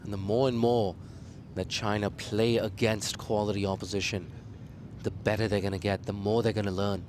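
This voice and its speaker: A man commentating live on a cricket match, losing his voice and jumping up in pitch and volume whenever a wicket falls. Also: little pitch movement, moderate pace, background noise. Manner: rises sharply in pitch and volume on wickets and appeals.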